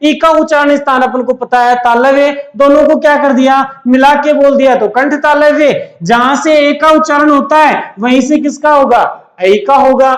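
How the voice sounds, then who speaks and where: This teacher's voice is very high, with fairly even intonation, and he talks at a normal speed with hardly a pause. Recorded in an echoey room, he runs through an exam-prep lecture, repeatedly asking his own questions and supplying the answers.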